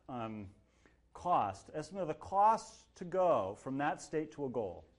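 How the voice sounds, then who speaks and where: A male university lecturer talking to his class in a loose, playful way. He jumps into quoted voices and jokes between points. His voice sits a little high. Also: slow. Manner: lively, jokey, acts out quotes. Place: lecture hall.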